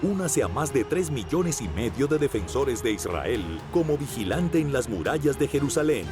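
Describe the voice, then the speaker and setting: A man's voice: mid-range voice, big pitch swings, moderate pace. Dramatic male ad announcer over music. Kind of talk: advertisement voice-over.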